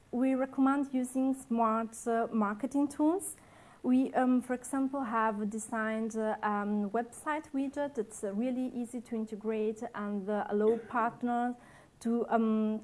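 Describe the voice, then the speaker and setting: A woman's voice: fairly high pitch, fairly even intonation, unhurried, a little mellow. Hesitant woman presenting. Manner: hesitant, many fillers and restarts, non-native phrasing. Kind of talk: conference presentation. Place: conference hall.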